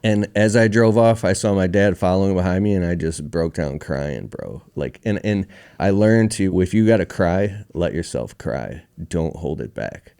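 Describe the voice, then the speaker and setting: A man's voice: low-pitched, animated, normal speed, vocal fry, warm tone. A man being interviewed as a podcast guest, telling a personal story in a candid, emotional, casual way, with slang like bro and dude.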